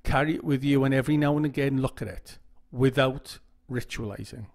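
A man's voice: medium pitch, fairly quick, gravelly, darkish tone. A man giving casual instructional talk to camera, often repeating phrases and checking in with "okay?". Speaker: YouTube OCD educator.

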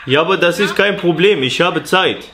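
A man's voice: high-pitched, normal speed, sharp tone. A man in his thirties speaking casually as a comedic prank caller, recorded indoors at a desk. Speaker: prank caller, video host. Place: indoor room with desk setup. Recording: noisy room recording with clicks.

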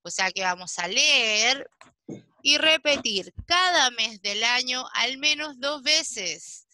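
A woman teaching an English class over a video call. She talks patiently, checks in with the children often, and slows right down to model each English word. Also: sits high, lively intonation, pushed and bright. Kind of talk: online class instruction.

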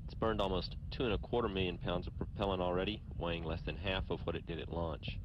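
Mission control radio guy calling flight status, low and measured, muffled, really noisy. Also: fairly even intonation. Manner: measured, formal, factual reporting. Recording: muffled broadcast with loud rumbling noise.

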